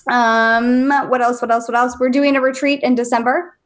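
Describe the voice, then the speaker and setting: Woman podcast co-host, fairly high voice, chatty, joking. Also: steady tone, moderate pace, slight background noise. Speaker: podcast co-host and psychic reader. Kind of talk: casual chat.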